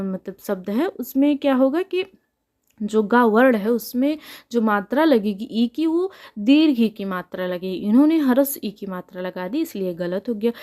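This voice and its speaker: Young female exam tutor, mellow voice slightly high, patient explainer who quizzes the viewer. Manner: patient, repeats answers as questions to the viewer. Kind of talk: spelling lesson explained while writing.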